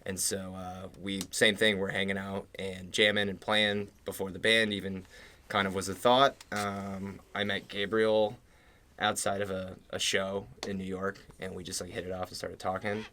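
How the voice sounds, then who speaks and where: In a low, level, pushed and bright voice at a moderate pace, a young Georgia-born band member rambles through a casual radio chat, leaning heavily on "like" and other fillers.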